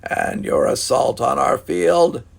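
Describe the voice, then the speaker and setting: A man voicing a solemn alien leader with a raspy voice, speaking slowly and deliberately. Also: mid-range voice, heavily acted. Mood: grave. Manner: slow and deliberate.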